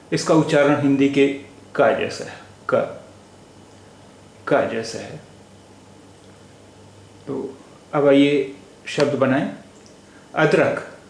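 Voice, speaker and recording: Guy teaching letters super slowly, repeats each word, roomy echo with a little hiss. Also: on the high side, creaky. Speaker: language teacher. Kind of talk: slow, deliberate spelling-out lesson. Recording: echoey room with faint noise.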